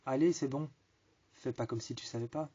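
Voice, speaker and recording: A man's voice: mid-range voice, normal speed, husky, close to an everyday voice. A man quoting a weary teasing young man. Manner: soft, sighing delivery. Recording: dull lo-fi recording.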